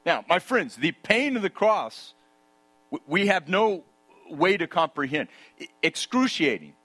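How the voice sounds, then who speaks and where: A man preaching a sermon, emphatic and full of rhetorical questions, dropping to a hush for key points. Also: sits high, very animated, unhurried, husky.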